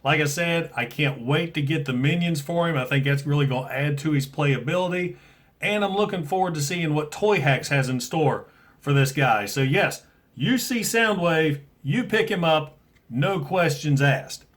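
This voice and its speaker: A man's voice: on the high side, normal speed. An American man hosting a toy review video, talking casually and enthusiastically like a fan. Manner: enthusiastic, informal fan talk. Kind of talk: casual product review to camera.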